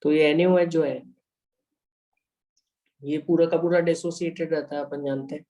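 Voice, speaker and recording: Mellow-voiced man teaching chemistry. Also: fairly high pitch, fairly even intonation, moderate pace, rough recording. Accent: Indian. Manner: explains step by step, checking in with students often; mixes English phrases into Hindi. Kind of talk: online lecture explaining equations.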